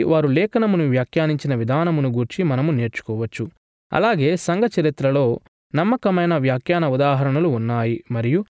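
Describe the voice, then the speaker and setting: Male lecturer, voice a touch high, measured scripted delivery, dry booth sound. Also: a little mellow, no echo. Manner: measured, formal reading.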